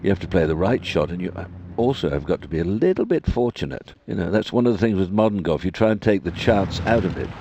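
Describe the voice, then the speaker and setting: A man's voice: low-pitched, expressive, fast talker, few pauses, mellow. A man working as a golf commentator, musing conversationally on the play. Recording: outdoor broadcast with clear background noise.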